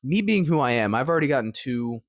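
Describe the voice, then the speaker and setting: An animated male vlogger in his twenties tells stories to camera at a fast clip, rambling and upbeat, with lots of fillers and restarts. His voice is medium-pitched, captured as clean studio sound with no room noise.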